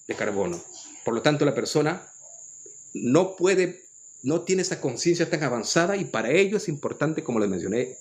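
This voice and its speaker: An earnest man with a Peruvian accent delivers a lecturing spiritual monologue straight to his audience. His voice sits at an ordinary middle pitch, and he often breaks off and restarts his phrases as he goes. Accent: Peruvian Spanish. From Peru. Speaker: spiritual commentator.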